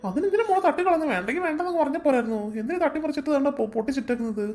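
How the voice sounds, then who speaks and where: A woman voicing a mild, soothing father in a cartoon, gentle and placating. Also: sits high, animated, rapid-fire, background noise. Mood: puzzled.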